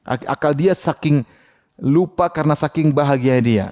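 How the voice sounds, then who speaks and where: Male preacher, sermon, lively and conversational, acts out quotes; fairly high voice, hall reverb. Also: normal speed. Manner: conversational, asks and answers his own questions. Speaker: Islamic preacher.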